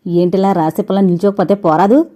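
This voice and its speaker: A woman's voice: mid-range voice, steady tone, a little fast, dark tone, close to an everyday voice. A woman voicing a greedy, scornful older village man who talks in a harsh rustic dialect.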